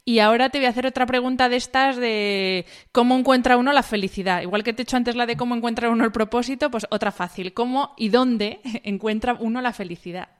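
A woman's voice: fairly high pitch, quick pace, hardly any pauses. A woman podcast host with a Spanish accent, asking long, carefully framed interview questions.

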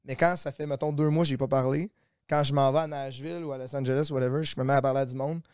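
Man, Québécois accent, earnest, restarts often, smooth resonant voice. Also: medium pitch, steady tone, fast, a little mellow, no echo, clean studio sound. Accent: Québécois French. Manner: earnest, explains with many restarts. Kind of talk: casual chat.

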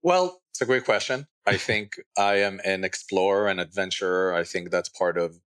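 Low-voiced man from Israel, thoughtful founder guest, dry sound. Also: normal speed, a bit bright, smooth, dry recording. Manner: thoughtful, with frequent restarts. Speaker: podcast guest, startup founder. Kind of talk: interview conversation.

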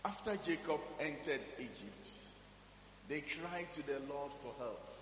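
A man with a Ghanaian accent preaching a sermon, moving between languages with a measured cadence, paused for an interpreter. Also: on the high side, animated, fairly bright tone, a little hiss or hum. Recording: large hall with long reverb, music behind.

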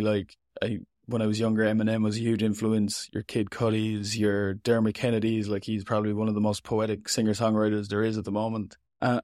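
Irish guy chatting in an interview, kinda rambly and self-deprecating, flat lowish voice, really dry sound. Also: no echo. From Ireland. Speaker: interviewed poet and writer. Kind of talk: casual, reflective interview talk.

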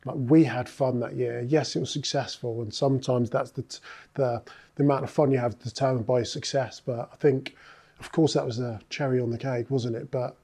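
A man's voice: medium pitch, fairly even intonation, fairly quick, mellow, slightly rough. A man, a former rugby player, recounting his career in a casual interview, thoughtful and full of filler sounds.

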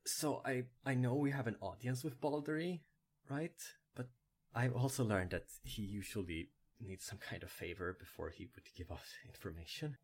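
A man doing a bloodied researcher, husky voice, halting and evasive. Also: medium pitch, darkish tone. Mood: weary. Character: wounded weary young male researcher.

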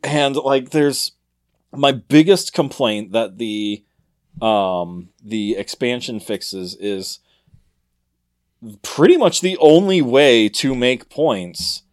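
A man co-hosting a board game podcast, telling dad jokes deadpan and then talking through his thoughts in a halting, casual way. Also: mid-range voice. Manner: deadpan joke-telling, halting when thinking. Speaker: podcast co-host. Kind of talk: casual chat.

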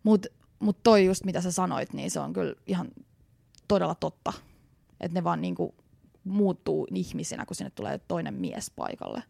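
A young woman co-hosting a podcast in casual conversation, her voice full of gravelly fry. She speaks bluntly and swears freely. The recording is dry, with no room sound. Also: on the low side, big pitch swings, dark tone, no room sound. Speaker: podcast co-host. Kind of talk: casual chat.

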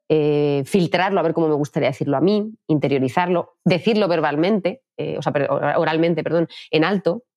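A woman who works as a communication coach, answering interview questions quickly and explaining at length. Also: deep voice, darkish tone, dry recording, studio quality. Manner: fast-talking, explanatory.

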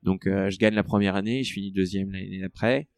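Mec qui parle de son entraînement, un peu grave, plein de euh, son sec. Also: male voice, sits low, steady tone, fairly quick, clean tone, no echo, studio quality. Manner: hesitant, many fillers and restarts. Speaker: ultra-trail runner guest. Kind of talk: conversational interview.

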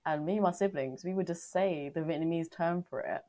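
A young woman in her twenties in casual chat, chatty and quick to laugh. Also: low-pitched, mellow. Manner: chatty, laughs often, fillers like "like".

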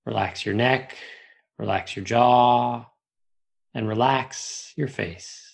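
A man with a gravelly, creaky voice leads a guided relaxation meditation. He gives soothing instructions slowly, leaving long pauses between short phrases. His pitch sits in an ordinary male range, with fry in the tone.

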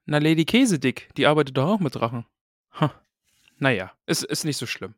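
A man's voice: mid-range voice, lively intonation, fairly quick, fairly bright tone, no echo, clean studio sound. A man hosting a casual book-discussion podcast, chatty and reading short passages aloud.

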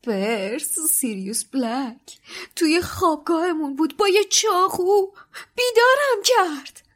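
A woman voicing a frightened, insistent teenage boy in an audiobook reading, high and urgent. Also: animated, a bit bright.

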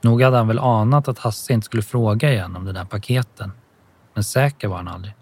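Calm male audiobook narrator, low and husky. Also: no echo.

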